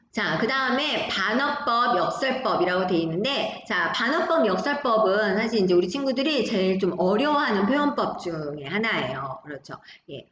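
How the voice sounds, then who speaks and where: A woman teacher with a fairly high, animated voice talks a class through examples, often stopping to check that they follow. The recording is roomy and echoey, somewhat muffled, with a faint hiss underneath. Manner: lively, talks students through examples with frequent tag questions. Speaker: high school Korean teacher. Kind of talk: recorded online class lecture.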